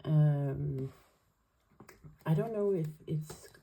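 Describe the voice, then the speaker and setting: Drawing out her words, a Danish woman with a low, creaky, dark and slightly rough voice chats while setting up her weekly planner for her planner vlog. She speaks English as a second language with a Danish accent, hesitantly and carefully, with many fillers, on a low-quality recording.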